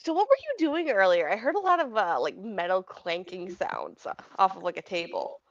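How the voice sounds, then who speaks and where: A woman's voice: medium pitch, wildly swooping pitch, moderate pace, gravelly, lo-fi sound. A woman player chatting casually during a break in a tabletop game stream, talkative and giggly. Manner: chatty, giggly, talks around snacks.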